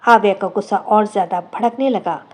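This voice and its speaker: A woman narrating a scripted audio drama as a storyteller, in a steady, dramatic manner. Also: medium pitch, brisk.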